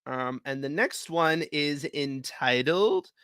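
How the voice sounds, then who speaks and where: A man hosting a live event, reading stories aloud in a lively, expressive way. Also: a little high, slow pace, clean tone, dry recording. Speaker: host.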